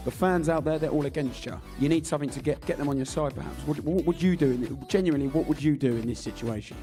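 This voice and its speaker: A man's voice: fairly high pitch, fast, dark tone, soft background music. Chatty man explaining darts tactics. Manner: chatty, thinking aloud with restarts. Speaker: darts studio presenter.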